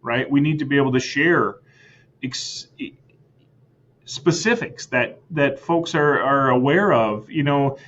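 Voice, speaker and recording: The American superintendent, voice at a middle pitch and fairly bright in tone, talks at a measured pace in this podcast interview. Earnest throughout, he repeats his words and keeps adding "right?" to his lines, and the recording sounds slightly dull.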